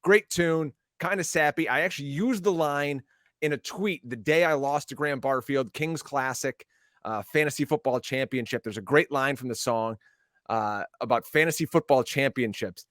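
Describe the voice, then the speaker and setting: A man co-hosting a podcast tells stories in an animated, emphatic way. His voice sounds dry and close, with no room around it. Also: medium pitch, normal speed, no room sound. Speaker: podcast co-host. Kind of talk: casual chat.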